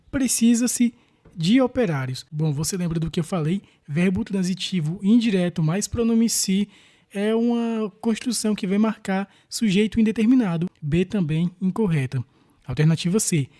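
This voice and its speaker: Methodical Brazilian teacher, warm and relaxed, talking students through exam answers. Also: medium pitch. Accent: Brazilian Portuguese. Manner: methodical, explains step by step. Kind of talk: exam question walkthrough.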